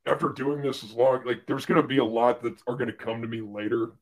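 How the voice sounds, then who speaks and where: Young man, husky voice, casual livestream storytelling, fillers and restarts. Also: mid-range voice, brisk. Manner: animated storyteller, fillers and restarts, loud when quoting others. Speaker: guest, former medical device rep.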